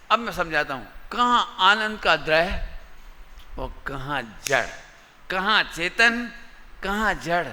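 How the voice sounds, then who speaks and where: A man leading an interactive religious lesson for children, animated, repeating key words and quizzing his pupils. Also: sits high. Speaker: Jain teacher leading a children's class. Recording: reverberant hall sound.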